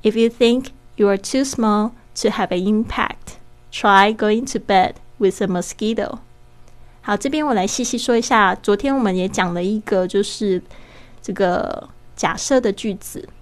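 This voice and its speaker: A woman hosting a podcast English lesson, explaining step by step and slowing down to model English pronunciation. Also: mid-range voice. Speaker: podcast host and English teacher.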